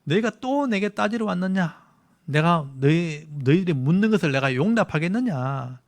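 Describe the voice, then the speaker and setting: A man's voice: on the high side, expressive, moderate pace, fairly bright tone. A male pastor reading God's words aloud in a stern, angry tone, as if God is rebuking the elders. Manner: stern, indignant scripture reading.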